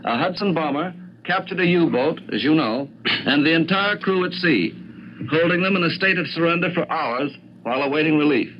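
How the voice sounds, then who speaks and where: A man's voice: a little high, animated, moderate pace. A man speaking as a formal, grave announcer and interviewer in a 1940s wartime radio broadcast. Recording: noisy, muffled 1940s radio recording.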